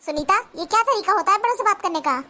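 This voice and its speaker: Cartoon son caught in the middle, placating, very high bright voice, done by a woman. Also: lively intonation, fast talker, heavily acted. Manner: pleading, placating. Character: young husband caught between mother and wife.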